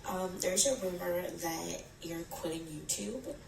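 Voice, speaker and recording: A woman asking a question as a fan, her voice run through a deep pitch-shifted voice changer, soft and hesitant. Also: unhurried, vocal fry, far from the mic, low-quality recording.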